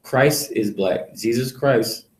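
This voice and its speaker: Speaking slowly in a mid-range voice, a man preaches informally to a small group as a street preacher running a teaching session. His delivery is blunt, rambling and profane, peppered with fillers and repeated "you know"s, in an echoing room.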